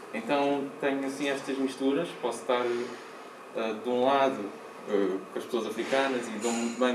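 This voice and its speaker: Young Portuguese man in a roomy room. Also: medium pitch. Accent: European Portuguese. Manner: animated storytelling. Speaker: interviewee, student. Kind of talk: casual interview talk. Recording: roomy, distant, noisy.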